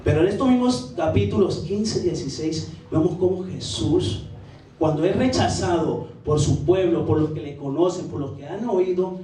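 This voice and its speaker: A man preaching a sermon as pastor, earnest and steady, pausing and restarting phrases as he goes. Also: fairly high pitch, far from the mic, a little hiss or hum. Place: large church sanctuary. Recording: very echoey church recording from afar.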